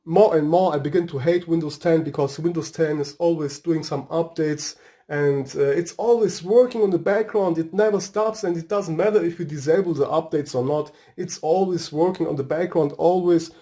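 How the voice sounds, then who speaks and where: Brief: Portuguese-accented man, a bit high-pitched and warm, casual tech reviewer, hesitant non-native English, drifts off topic. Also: fairly even intonation, normal speed. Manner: rambling, hesitant, searching for words. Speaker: tech video host. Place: home room with a fireplace.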